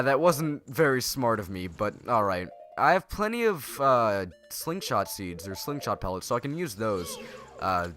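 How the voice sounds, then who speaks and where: A young let's play host, his mid-range voice sharp in tone and nasal from a cold coming on, gives casual gameplay commentary. He rambles, gets sarcastic, and corrects himself as he goes.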